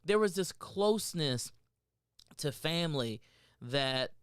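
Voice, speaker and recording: A man from South Carolina, co-hosting a relaxed chat, rambling and repeating himself as he talks. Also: a little high, takes it slowly, clean tone, dry recording, studio quality. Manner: rambling, repeats words, says "you know what I'm saying". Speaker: podcast co-host. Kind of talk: casual chat.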